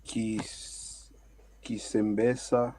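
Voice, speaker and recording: Slow, low-voiced man reading words. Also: level tone, crowd noise. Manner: reads words slowly one at a time. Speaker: student.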